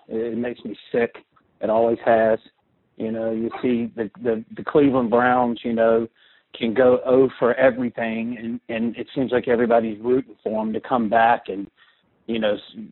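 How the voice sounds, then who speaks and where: A man from the US East Coast calling in to a radio show, talking in a fired-up, rambling way and often repeating words. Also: mid-range voice. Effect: call-in caller heard over a phone line. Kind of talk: fan call-in rant. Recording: tinny phone line.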